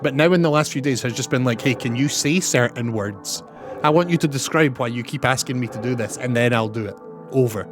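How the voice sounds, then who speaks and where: A man's voice: mid-range voice, a little fast. A young man streaming a game, chatting with his viewers and signing off turns with "over". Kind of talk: casual chat while gaming. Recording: game music loud behind.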